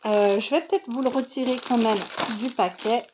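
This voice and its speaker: A woman's voice: on the high side, normal speed, noisy background. A woman casually showing scrapbooking supplies on camera, chatty and enthusiastic, with frequent fillers and restarts. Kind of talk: casual product show-and-tell.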